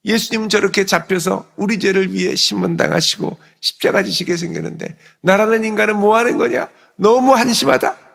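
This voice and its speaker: A man's voice: sits high, creaky, fairly bright tone, big-room sound, pitched above the performer's own voice. A pastor acting out a remorseful male disciple who berates himself in anguish. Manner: anguished, self-reproaching.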